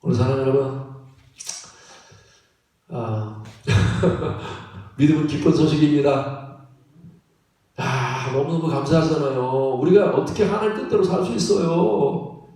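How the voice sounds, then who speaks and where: A man preaching a sermon as pastor, animated and laughing often, often checking in with the congregation. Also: on the high side, a little slow, long pauses. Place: church sanctuary. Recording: echoey church hall from far off.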